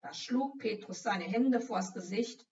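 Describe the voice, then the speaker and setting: A woman reading a Bible story aloud for children in a scripted narration, expressive as she acts out the figures. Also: medium pitch, unhurried, reverberant, a little hiss or hum. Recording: dull, slightly distant recording.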